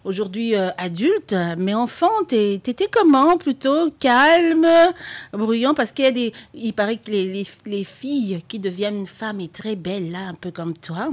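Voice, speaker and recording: A woman's voice: medium pitch, animated, a little slow. A woman hosting a casual interview, teasing her guest and laughing often. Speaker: radio show host.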